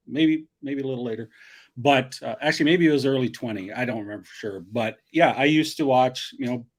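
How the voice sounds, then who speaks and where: Middle-aged man, guest on a chat show, even mid pitch, loose and rambling. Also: brisk. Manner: rambling, friendly, restarts often. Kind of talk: casual chat.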